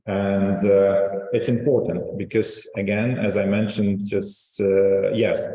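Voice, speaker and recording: Low, mellow man explaining in an echoey room. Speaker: presenter on the panel. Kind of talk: panel discussion.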